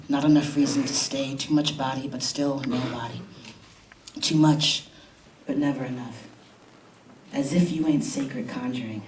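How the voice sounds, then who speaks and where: Between poems this poet chats loosely, and in them he leans on rhythmic, emphatic repetition. His voice is medium in pitch and a little mellow. The setting is a college event room, captured with a distant mic in an echoey space with faint hiss.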